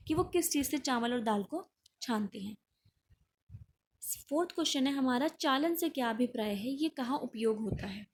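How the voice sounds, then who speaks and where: Woman teacher, high-pitched, explanatory classroom delivery, slight room noise. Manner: explanatory, often checking in with the listener. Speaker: science teacher. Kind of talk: classroom lesson explaining textbook answers.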